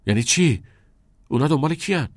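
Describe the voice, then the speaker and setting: A man voicing a hotheaded, rebellious teenage schoolboy who shouts aggressively. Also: on the high side, animated, no room sound, studio quality, pitched above the performer's own voice, lightly acted. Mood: stunned.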